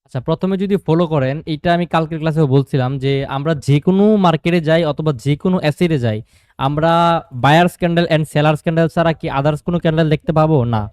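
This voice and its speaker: A man's voice: a little high, fairly even intonation, quick pace, darkish tone, clear, resonant tone, no echo, studio quality. A man with a Bangladeshi Bangla accent teaching a live online trading class, asking questions and answering them himself and mixing in English terms.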